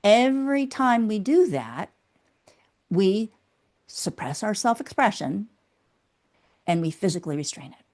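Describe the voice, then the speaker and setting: A woman explaining her ideas as a guest in an interview. She talks like a teacher, walks through each step and keeps checking in with a quick "okay?". Her pitch sits in the middle range. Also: very animated, darkish tone. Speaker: guest, inner critic specialist.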